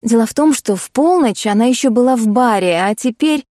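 A woman's voice: fairly high pitch, animated, a little fast, warm tone, no room sound, clean studio sound. A woman reading an audiobook, voicing a polite young woman apologizing in a hurry. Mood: apologetic.

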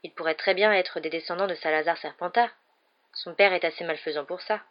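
A woman's voice: on the low side, brisk, muffled recording, natural voice. Woman doing a serious schoolboy. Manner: quiet and serious.

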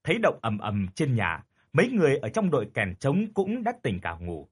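Husky, lively male horror storyteller. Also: medium pitch, normal speed. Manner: dramatic, expressive narration.

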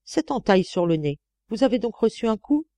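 A woman's voice: mid-range voice, very animated, a little fast, mellow, dry recording, voice pushed up, natural voice. A woman reading an audiobook voices a cruel, scornful old woman who is hiring a maid, speaking in an imperious, cutting manner.

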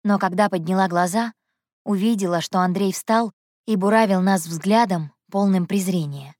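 A young woman narrating an audiobook in the first person, telling the story in a lively, expressive way. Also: medium pitch, moderate pace, no echo, studio quality.

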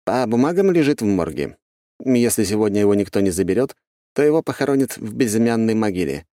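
A man narrating puts on a brisk, loyal investigator with a swinging, animated voice. He leans hard on his words and stays loyal but blunt. The sound is dry and close. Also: fairly low pitch, no room sound, voice pushed up. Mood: businesslike. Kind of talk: audiobook character voice.

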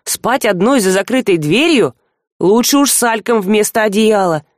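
A woman reading an audiobook voices a jumpy, easily flustered young woman in a shrill, indignant tone. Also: normal speed, dry recording, clean studio sound, close to an everyday voice.

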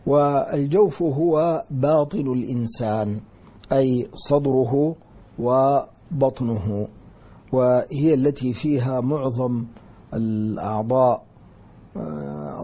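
A man teaching a Quranic exegesis lesson, methodical, repeating key words slowly to explain the readings. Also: mid-range voice, husky, highs cut off.

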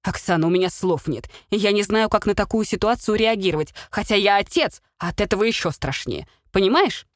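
A woman's voice: mid-range voice, lively intonation, a little fast, few pauses, no room sound, clean studio sound, natural voice. A woman reading a blustering middle-aged father, a former soldier, who blurts and pleads with his wife. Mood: exasperated.

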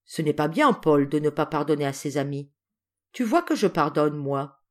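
A woman reading an audiobook who voices a gentle, well-behaved little boy in a soft, reasonable tone. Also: deep voice, expressive, moderate pace.

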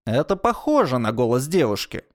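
A male narrator voicing a cautious space crewman who reasons doubtfully, pitched a little higher than the narration. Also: very animated, brisk, dry recording, clean studio sound, close to an everyday voice. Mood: doubtful, reasoning.

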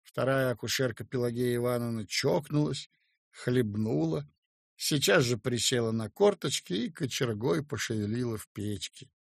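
A man reading a story aloud in a measured, expressive storytelling way. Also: medium pitch, gravelly, no echo, clean studio sound. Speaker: narrator. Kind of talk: audiobook reading.

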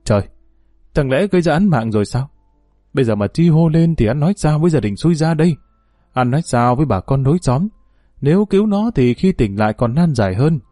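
A man's voice: a little high, animated, a little fast, mellow, dry recording, clean studio sound, soft background music. A man voicing a harsh, bullying older mother-in-law who scolds and threatens. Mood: scheming.

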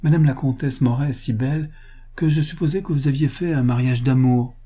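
A man's voice: mid-range voice, a little fast, mellow, breathy edge, voice pushed up, lightly acted. A man reading the part of a crude, greedy rich upstart with a blunt, boastful way of talking. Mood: blustering.

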